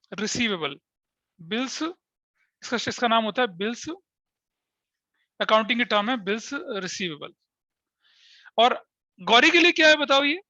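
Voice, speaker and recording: A male teacher with a bright, forceful voice runs a class for students in the room and online, firing questions and drilling terms again and again. The sound is dry and a little dull, close and without room echo. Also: extremely high pitch. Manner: questioning, repeats key terms, checks if students follow. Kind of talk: classroom accounting lesson, mixing in English.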